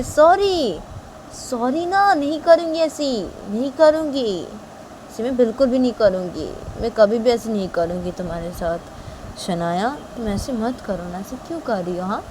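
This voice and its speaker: A woman's voice: sits high, a little slow, a little hiss or hum, pitched above the performer's own voice. A woman doing a pleading young woman. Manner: pleading, repeating questions.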